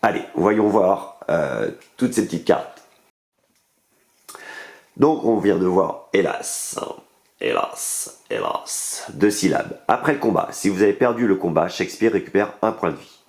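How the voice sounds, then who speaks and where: A man's voice: low voice, animated, moderate pace, darkish tone. A man with a French accent casually reviewing a board game's cards, enthusiastic and explaining the rules step by step with many fillers. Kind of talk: casual unboxing and card review.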